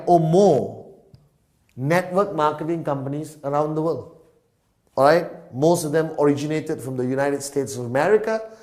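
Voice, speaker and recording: A middle-aged man from Malaysia, giving a whiteboard business lecture and stressing each point with a checking "all right?". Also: fairly high pitch. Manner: emphatic, punctuates every point with "all right?". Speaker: business presenter.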